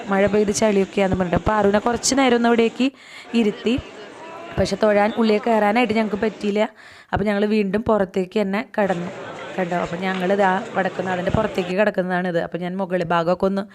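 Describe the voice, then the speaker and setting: A woman's voice: medium pitch, a little mellow. A woman, chatting through a casual voice-over of a family outing with frequent asides to the viewer. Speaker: vlogger.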